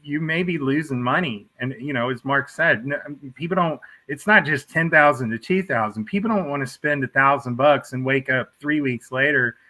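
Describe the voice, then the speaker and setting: A man's voice: medium pitch, normal speed, few pauses, pushed and bright, rough recording. A man co-hosting a casual podcast chat, talking in a loose, filler-heavy way with stumbles and restarts. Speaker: podcast co-host.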